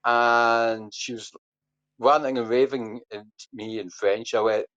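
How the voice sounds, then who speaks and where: Speaking slowly in a mid-range, slightly bright and fairly even voice, this podcast guest meanders through a lengthy tale, stumbling over fillers and restarts. Afterward he turns quizmaster for the hosts, all captured in dull, lo-fi sound.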